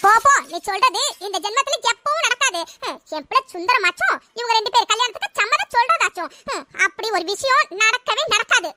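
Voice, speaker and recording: A sneering old grandmother voiced by a woman waves everyone off with taunting scorn. The voice sits very high and sounds sharp and bright. Her lines are clipped and dismissive. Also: expressive, brisk, hardly any pauses, heavily acted. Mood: scornful. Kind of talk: cartoon voice acting.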